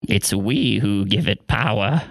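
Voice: mid-range voice, expressive, measured pace, creaky, no echo. A performer playing Rumpelstiltskin, an ancient male imp who speaks grandly, with archaic words and a sing-song delivery. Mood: theatrical. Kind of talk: in-character interview.

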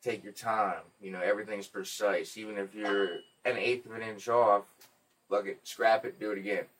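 A man hosting a podcast, telling stories in a casual, profane, animated way. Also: on the low side, moderate pace, recorded from a distance, slight background noise. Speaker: podcast host.

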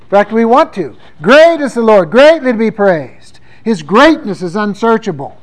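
A man with a high-pitched voice preaches a sermon. He talks conversationally and reads psalms aloud with strong emphasis. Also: sing-song, normal speed, poor audio. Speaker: pastor.

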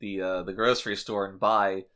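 A man co-hosting a podcast, trading deadpan, mock-serious jokes in casual chat. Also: sits low, normal speed, smooth. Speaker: podcast co-host.

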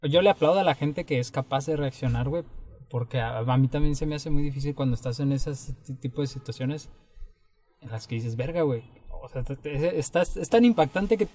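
A man with a Mexican accent, co-hosting a podcast and chatting in a relaxed, slangy, agreeable way. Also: medium pitch, brisk. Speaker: podcast co-host. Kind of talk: casual chat.

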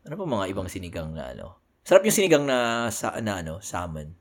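A man's voice: low-pitched, huge pitch swings, fast. A man with a Filipino accent chatting casually as a podcast co-host, playful and jokey, laughing often. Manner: playful, jokey, laughs a lot, drops into quiet mumbles. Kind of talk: casual chat.

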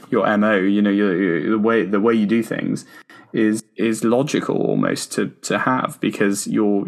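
A man's voice: on the low side, creaky. A man hosting a podcast in a conversational style, tentatively working his way around each point. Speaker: podcast host.

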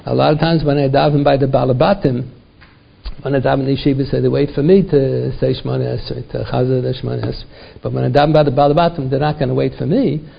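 The speaker is an older rabbi from the United States teaching Torah to his congregation in a synagogue, with a gravelly, husky, mid-range voice that stays steady while moving fast. He uses repetition, rhetorical questions, and Yiddish and Hebrew terms. Audio quality is dull and lo-fi.

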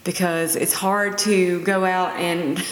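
Lowish-voiced woman in an echoey room. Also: flat delivery, takes it slowly. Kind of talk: conversational religious talk. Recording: echoey room, long reverb, faint noise.

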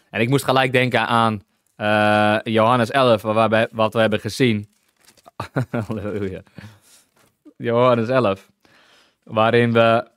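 A man's voice: on the low side, dry recording, clean studio sound. Enthusiastic Dutch-speaking Bible teacher man. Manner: enthusiastic, exclaims hallelujah often; many restarts while reading and explaining scripture.

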